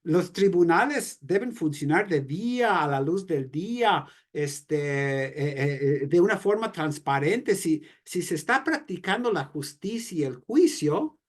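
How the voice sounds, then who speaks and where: A man's voice: a little high, expressive, measured pace, hardly any pauses. A man with a Mexican accent leading an informal church reflection. He talks conversationally, asks rhetorical questions and tags sentences with "¿no?". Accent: Mexican Spanish. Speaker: Bible study leader.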